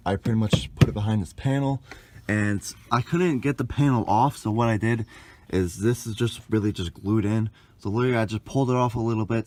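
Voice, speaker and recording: A low-voiced, slightly mellow young man walks casually through installing a car radio for his vlog, in and around a parked car outdoors. He rambles informally and swears mildly along the way.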